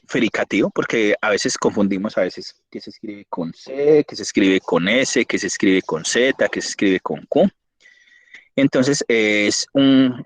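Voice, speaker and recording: A man teaching an online class, reading spelling rules and slowly spelling out example words. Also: on the low side, dry recording.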